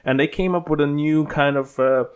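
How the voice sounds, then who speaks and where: A man in his thirties from the Bahamas, a stunt performer telling his story as an interview guest in a relaxed, rambling way full of restarts and fillers. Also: on the high side, fairly quick, clean tone.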